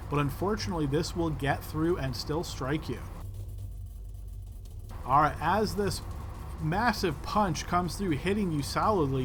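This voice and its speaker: A man with a fairly high voice runs a tabletop role-playing game, describing the action and calling for rolls. There is faint noise behind him. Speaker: game master.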